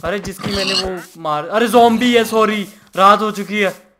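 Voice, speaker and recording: A man's voice: high-pitched, fairly even intonation, moderate pace, noisy background. A man hosting a gaming channel, chatting and teasing his friend during casual gameplay banter. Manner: teasing, joking.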